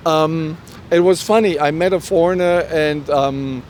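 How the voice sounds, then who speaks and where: A German-accented man of middle age, German by native tongue, recounts personal stories while being interviewed. His voice is a little high and a little mellow, and he speaks haltingly and earnestly, frequently performing bits of his own past dialogue. Faint vehicle rumble from the street surrounds him, since he's outdoors.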